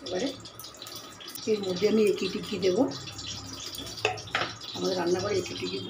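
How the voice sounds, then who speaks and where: A woman from Bengal hosts a home cooking channel, chatting through each step as she cooks in her kitchen for a casual demonstration. Her voice sits on the low side, with a level tone, moderate pace, and vocal fry. The kitchen is echoey, and cooking noise is loud.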